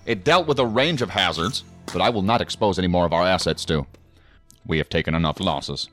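In a science fiction audio drama, a male actor plays a stern, commanding superior at a federal agency, speaking formally in a clipped, authoritative way. His voice sits low with a fairly bright tone and brisk delivery, and his mood is stern and official over soft background music.

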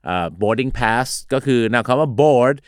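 A man's voice: mid-range voice, slow, clear, resonant tone, no room sound, clean studio sound. A man co-hosting a podcast, joking around while explaining English words and how they are pronounced. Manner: jokey, explains word meanings and pronunciation. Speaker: podcast co-host teaching English. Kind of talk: casual chat.

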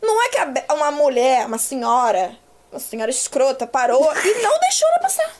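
A young woman with a Brazilian Portuguese accent, a podcast guest telling an anecdote in a casual, animated way and acting out the dialogue herself. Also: sits high, fast talker, slight background noise. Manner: animated, acts out quoted dialogue, swears casually.

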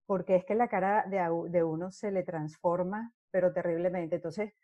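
The recording is muffled but has no echo as a middle-aged actress, speaking at a moderate pace in a lowish voice, animatedly tells stories in a casual interview and acts out each scene.

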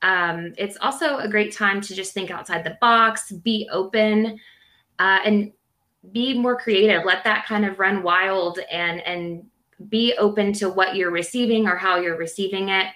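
A woman's voice: medium pitch, a little slow, sharp tone. A woman casually explaining an astrological forecast in a conversational way.

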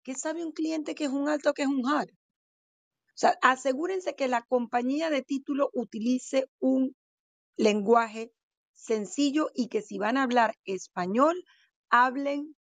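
A woman in an instructive panel talk, with a slightly high voice and a firm, emphatic delivery. She often turns to the audience with direct questions. The recording is dry, with very little room sound. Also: measured pace, no room sound. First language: Spanish. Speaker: real estate seminar expert.

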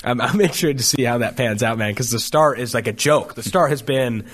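A man co-hosting a sports podcast, talking in a casual, animated way, swearing and laughing at the absurd. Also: medium pitch, fairly quick. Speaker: podcast co-host.

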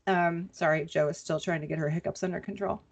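A woman podcast co-host chatting casually and recapping news, with relaxed, hesitant pauses. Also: lowish voice. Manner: conversational, relaxed with many "um" pauses.

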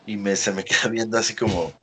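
A man with a Mexican accent from Veracruz tells a story as a podcast guest. His voice sits fairly low. He acts out other people's lines with lively quoted voices. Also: fast, slightly rough. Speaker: guest wrestler. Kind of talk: casual anecdote in a podcast interview.

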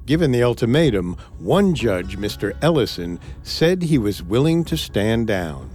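A man's voice: lowish voice, very animated, measured pace, a little mellow. A man co-hosting a history podcast, reading a script and voicing quotes with drama. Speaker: podcast co-host. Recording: faint music bed.

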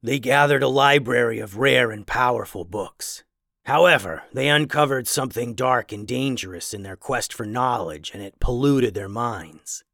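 A man's voice: mid-range voice, gravelly, a bit bright, dry recording, clean studio sound. A man doing a towering, bookish werewolf librarian. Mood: lecturing. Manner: measured, lecturing.

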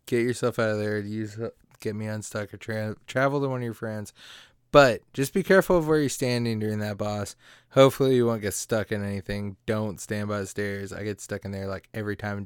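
A man's voice: on the low side, steady tone, moderate pace, clean tone, no echo, clean studio sound. A man co-hosting a gaming podcast, chatting casually and upbeat, often laughing as he talks. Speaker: podcast co-host.

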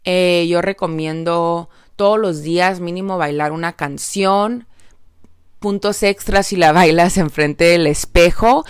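A woman's voice: lowish voice, measured pace, smooth, no echo, studio quality. A woman with a Mexican accent hosting a casual podcast monologue, chatty and upbeat, speaking straight to her listeners with lots of little filler tags. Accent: Mexican Spanish. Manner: frequent filler tags like "¿no?" and "entonces". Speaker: podcast host.

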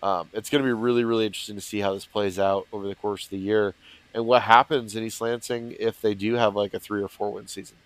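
A man's voice: fairly low pitch, level tone, quick pace, no room sound, rough recording. Congested man with a plugged-up, nasal voice. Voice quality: nasal, plugged-nose sound. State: congested, stuffed-up nose from allergies. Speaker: sports podcast analyst. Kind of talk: casual sports discussion.

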